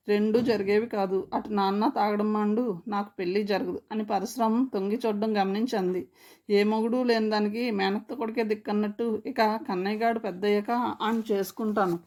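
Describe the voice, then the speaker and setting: A woman reading a story and voicing a sharp-tongued, teasing young village woman who talks in a sassy, mocking way. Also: mid-range voice, little pitch movement, brisk, close to an everyday voice. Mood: scornful.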